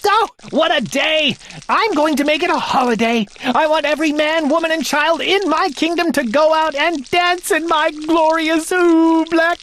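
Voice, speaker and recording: Pompous old storybook king, high and shrill, put on by a woman narrator. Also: moderate pace, fairly bright tone, a little hiss or hum. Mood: gleeful, bossy. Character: boastful excitable old king.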